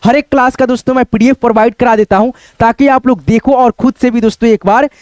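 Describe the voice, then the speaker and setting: A man's voice: very high-pitched, steady tone, quick pace, a little mellow, dry recording. A man teaching a casual video lesson, walking step by step through examples, often calling out to his viewers and asking them questions. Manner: repeats "dosto" and "dekho", asks the viewers questions.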